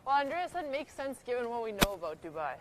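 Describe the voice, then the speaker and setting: A woman's voice: on the high side, very animated, fast, background noise. A young woman streamer chatting casually with viewers as she walks along, upbeat and addressing her audience. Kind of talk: casual live-stream chat.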